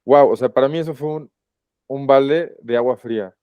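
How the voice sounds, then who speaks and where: A man with a Mexican accent, a podcast guest giving a personal account in a reflective, halting, emotional way. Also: mid-range voice, smooth, no echo, narrow, tinny audio. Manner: reflective, halting and emotional, often pausing to rephrase. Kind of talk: personal testimony in a podcast interview.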